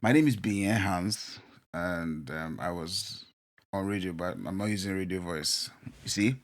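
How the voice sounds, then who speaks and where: A man with a low voice co-hosting a relaxed podcast conversation. He banters and teases his co-host, then talks more haltingly, padding his thoughts with fillers. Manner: bantering, hesitant with many fillers. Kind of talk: casual chat.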